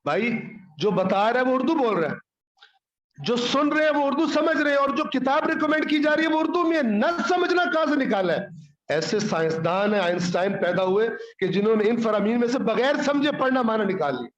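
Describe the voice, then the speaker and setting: High-voiced preacher in a roomy hall. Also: male voice, expressive, fairly quick, lo-fi sound. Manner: scolding, rhetorical questions, quotes Arabic. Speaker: Islamic scholar preaching. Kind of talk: Urdu sermon on the Quran.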